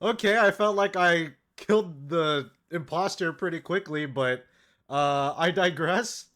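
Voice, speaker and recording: A man's voice: fairly high pitch, measured pace, fairly bright tone. A young man casually recounting a chatbot tabletop game, swearing and talking straight to viewers. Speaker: YouTuber. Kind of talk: comedic gaming story commentary.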